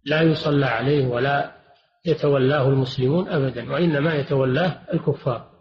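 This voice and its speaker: An older man and religious scholar giving a measured classroom lecture, repeating and rephrasing each point. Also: mid-range voice. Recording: dull, roomy lo-fi lecture recording.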